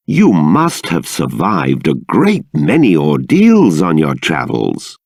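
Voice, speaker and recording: Gravelly, sweeping King Clavius, stern and regal. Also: low voice, no echo, studio quality, exaggerated voice. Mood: pensive, guarded. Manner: regal, formal, deliberate, emphatic. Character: stately, stern king and exasperated father. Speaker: video game character voice. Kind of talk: theatrical fantasy game voice acting.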